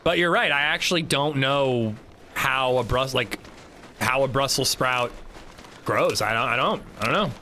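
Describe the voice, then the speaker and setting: A man's voice: medium pitch, a little slow, sharp tone, a little hiss or hum. A male streamer chatting casually with his audience and friends, self-mocking and reading out chat messages. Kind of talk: casual gaming livestream chat.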